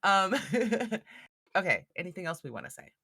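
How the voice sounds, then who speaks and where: A woman with a bright, clear voice that swings up and down a lot as she chats about a book. She laughs often and keeps the talk lively. The recording is close and dry. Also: medium pitch, a little slow, no room sound. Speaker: podcast host. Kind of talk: casual book discussion.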